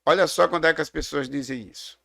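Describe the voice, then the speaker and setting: Fast-talking and slightly high-pitched, this middle-aged man has a creaky, fairly bright voice and a Brazilian Portuguese accent. He's a theology teacher visiting as a guest, explaining and reflecting and telling stories in a casual discussion.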